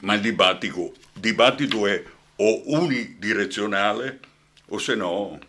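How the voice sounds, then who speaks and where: A man's voice: fairly low pitch, a little slow, bright, forceful tone. An older man with a Brescian accent, an actor guest in a radio interview, talking passionately and often asking "hai capito?".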